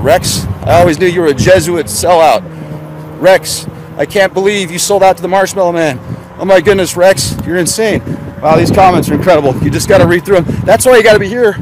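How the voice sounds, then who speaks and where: A high-pitched man talks into a phone as he walks along a road. He rambles and piles up sarcastic rhetorical questions. Traffic and wind roar loudly behind him. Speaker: conspiracy vlogger. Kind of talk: live-streamed outdoor vlog. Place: outdoors by a road, on foot. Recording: noisy outdoor phone audio with traffic and wind.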